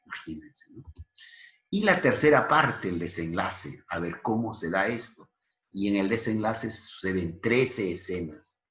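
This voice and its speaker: Male literature teacher with a deep voice who explains and talks to his students. Muffled, lo-fi recording. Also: animated, measured pace, a bit bright. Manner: explanatory, addresses students directly. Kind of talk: online literature lesson. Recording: echoey, dull lo-fi recording.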